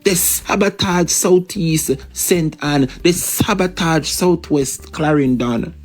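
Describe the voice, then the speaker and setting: An emphatic Jamaican man talks through politics in a loose, repetitive way, sliding in and out of patois. His voice sits a little high for a man. Faint music plays under him. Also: slow. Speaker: political commentator. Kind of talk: casual political commentary.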